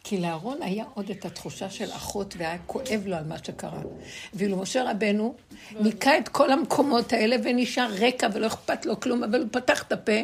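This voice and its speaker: A middle-aged woman giving a spiritual lesson to a group, telling stories in a lively way and laughing between points. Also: medium pitch, gravelly. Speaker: religious teacher.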